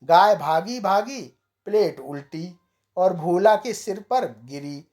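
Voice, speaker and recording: A storyteller narrating a comic village tale, unhurried and now and then chuckling. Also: mid-range voice, animated, a little mellow.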